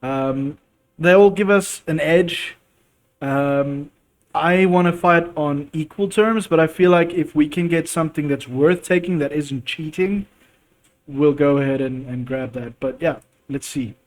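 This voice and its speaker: A man's voice: on the high side, a little slow. A man hosting a let's play, talking in a chatty, casual way with fillers and laughs. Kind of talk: casual game commentary.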